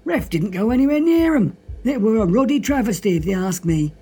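A man's voice: high voice, lively intonation, fairly quick, mellow, slightly rough, faint music behind, exaggerated voice. A man playing a jovial, grumbling Northern English radio host with a folksy, droll manner in a comedy show. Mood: indignant, then chatty. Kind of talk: comic radio monologue and phone-in.

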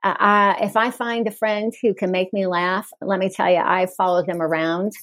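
A woman's voice: mid-range voice, level tone, moderate pace, fairly bright tone, no echo. A woman in her forties, a guest author in a candid podcast interview, talking frankly with wry humor and easy laughter.

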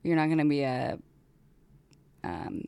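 A woman's voice: low voice, expressive, unhurried, vocal fry, warm tone, clear, resonant tone, no echo. A young woman co-hosting a podcast in casual chat, chatty and full of fillers. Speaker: podcast co-host.

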